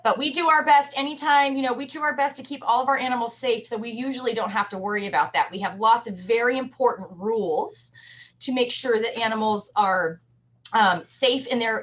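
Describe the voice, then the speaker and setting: An educator from a humane society gives children a virtual field trip, using plain, encouraging explanations. She has a fairly high, slightly bright voice. The video call audio from her computer is muted and low quality.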